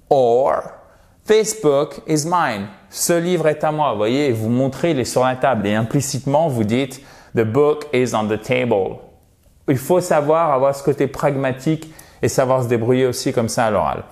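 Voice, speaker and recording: A French-speaking man teaching English in a video lesson, lively, saying English sentences slowly and clearly. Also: medium pitch.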